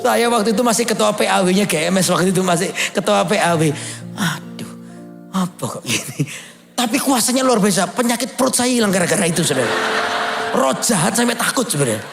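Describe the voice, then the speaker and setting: A pastor, preaching with animated storytelling and loud, high bursts of emphasis. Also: male voice, fast talker, gravelly, over music. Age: 50s. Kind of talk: sermon. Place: large church hall.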